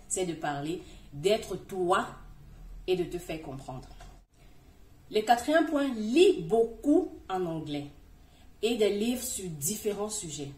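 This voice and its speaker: A woman's voice: lowish voice, a little mellow, distant mic. Chatty woman vlogger in an echoey room. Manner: chatty, speaks directly to the viewer. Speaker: video host giving language tips. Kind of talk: casual advice video.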